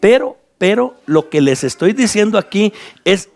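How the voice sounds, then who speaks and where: Lively high-pitched Guatemalan pastor preaching. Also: male voice, normal speed, gravelly. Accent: Guatemalan Spanish. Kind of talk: Bible study sermon to church leaders.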